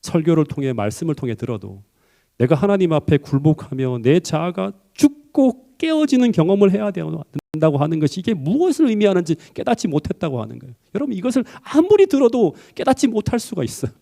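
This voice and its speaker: Man, pastor, middle-aged, sermon, lively storytelling, slightly high pitch, mellow tone. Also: fairly quick, gravelly. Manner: animated storytelling, rising to emphatic high peaks.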